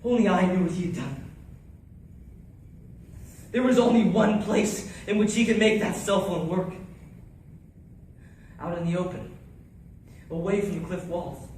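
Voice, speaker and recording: Unhurried and given to long pauses, a man with a high-sitting, slightly mellow voice performs a first-person war monologue as an anguished soldier recalling comrades killed in battle, his delivery intense and theatrical. The mic is distant, the room echoes, and a faint noise lingers.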